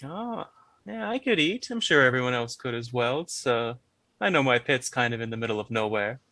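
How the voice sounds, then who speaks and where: A man voicing a grizzled old prospector elf, gruff and guarded, in a tabletop role-play. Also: medium pitch, animated, moderate pace, pushed and bright, no echo. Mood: wary, gruff.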